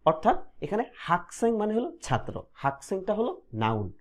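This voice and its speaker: A man from Bangladesh, teaching a grammar lesson step by step, slowly repeating each example and asking and answering his own questions. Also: sits high, wildly swooping pitch. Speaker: language teacher.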